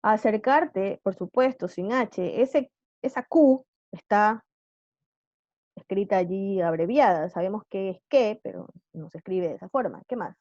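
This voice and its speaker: A woman's voice: mid-range voice, animated, measured pace, a little mellow, dry recording. Woman teacher on a video call, dry close sound, kinda muffled, patient, keeps asking the class questions. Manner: patient, quizzing students. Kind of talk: live online class.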